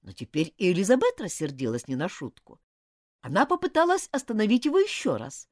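A woman narrating an audiobook in an expressive storytelling manner. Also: mid-range voice, a little fast, no echo, clean studio sound.

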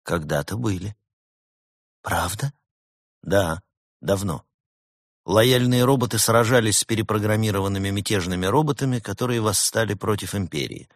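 A man's voice: lowish voice, no echo. A man doing a sly, sardonic fox. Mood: calm. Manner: dry, sardonic, unhurried. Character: sly ironic adult male fox. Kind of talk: audiobook reading.

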